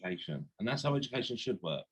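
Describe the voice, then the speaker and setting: A man's voice: fairly low pitch, big pitch swings, rapid-fire, a little hiss or hum, poor audio. A man hosting a casual interview, chatty and teasing, with playful jokes. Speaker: podcast host.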